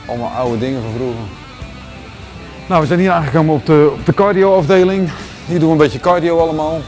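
A man in his forties with a Rotterdam Dutch accent, giving a relaxed walking tour of his large indoor gym, talking casually with lots of fillers and restarts. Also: a little high, a little fast, faint music behind. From Netherlands. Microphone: handheld camera following him.

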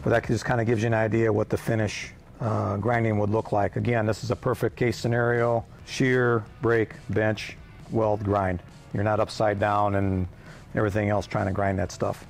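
A man's voice: lowish voice, flat delivery, normal speed, vocal fry, soft background music. A man in his fifties who owns a hot rod shop, explaining welding in a plain-spoken, rambling way from a large fabrication shop.

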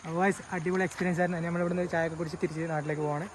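A man's voice: a little high, little pitch movement, very fast. A male vlogger with a Malayali accent talks casually to his viewers, mixing Malayalam with English words. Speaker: vlogger, host. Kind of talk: casual vlog talk to viewers. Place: outdoors by a river. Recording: noisy outdoor vlog audio.

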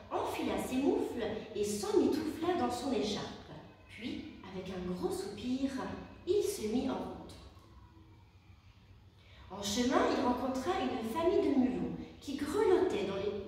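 A woman reads a children's story aloud in a gentle, expressive voice, pitched a little high. She sounds distant in a large echoing hall, with faint ambience behind her. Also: a little slow. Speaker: childcare worker. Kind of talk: storybook reading for young children. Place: childcare centre room. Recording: echoey hall from far off.

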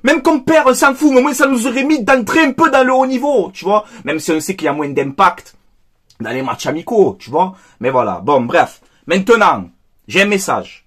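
Angry man, very high voice, emphatic football fan ranting to camera. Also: lively intonation, normal speed, a bit bright, breathy edge. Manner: heated, emphatic, repeats phrases, addresses viewers as "les gars". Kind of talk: angry post-match debrief monologue.

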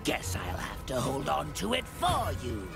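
A man voicing a sly robot villain in a cartoon, with mocking, smug, drawn-out delivery. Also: medium pitch, wildly swooping pitch, gravelly, full character voice. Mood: gloating. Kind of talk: animated cartoon villain acting. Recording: loud music and effects behind.

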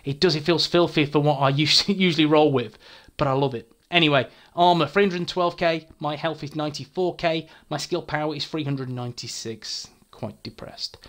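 A young man hosts a gaming video, running through gear stats in an eager, chatty way. He swears casually and trips over his words in his excitement. His voice sits a little higher than most men's. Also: a little fast. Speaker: gaming YouTuber. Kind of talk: game build walkthrough.

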